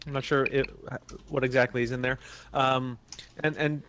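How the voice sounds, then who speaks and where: A man's voice: medium pitch, flat delivery, moderate pace, a bit bright, a little hiss or hum. A man playing a tabletop game, speaking hesitantly and politely with many fillers over an online call. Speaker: player. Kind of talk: in-character tabletop play.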